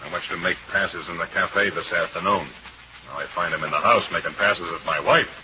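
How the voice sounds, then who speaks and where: Deep, forceful, sneering jealous husband. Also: male voice, a little fast, a little hiss or hum. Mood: angry, threatening. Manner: mocking, aggressive. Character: belligerent, jealous, sneering husband spoiling for a fight. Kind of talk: 1940s radio drama acting. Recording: muffled old radio recording.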